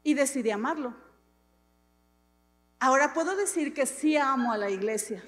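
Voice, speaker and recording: High-voiced woman preaching. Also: normal speed. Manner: animated, dramatic preaching with self-mocking humor. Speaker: pastor. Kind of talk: sermon. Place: church hall. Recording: long hall reverb.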